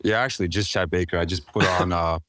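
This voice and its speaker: A man in his twenties from Iceland, a music producer chatting in an interview, relaxed and rambling with lots of fillers. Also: deep voice, fast, no echo. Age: 20s. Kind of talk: casual interview chat.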